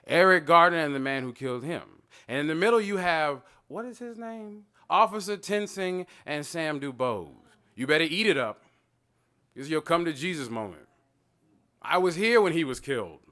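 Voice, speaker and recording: Animated man telling stories about his art. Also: fairly high pitch, moderate pace. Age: 30s. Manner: animated, digressive, quotes voices in stories. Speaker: artist talking about his own work. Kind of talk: gallery talk, casual storytelling.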